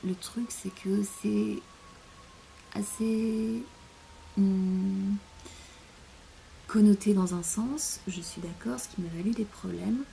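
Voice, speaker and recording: Soft-spoken hesitant French woman, gravelly. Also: medium pitch, steady tone, slow pace, long pauses, slight background noise. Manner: hesitant, many fillers, drifts in and out of a near-whisper. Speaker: vlogger. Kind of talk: casual rambling monologue.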